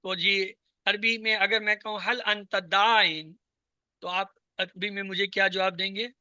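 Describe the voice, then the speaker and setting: Man, high voice, very bright tone, dry sound, patient teacher drilling a class over a video call. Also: little pitch movement, clean tone, no room sound. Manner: patient drilling, asks and repeats answers. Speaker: Arabic teacher.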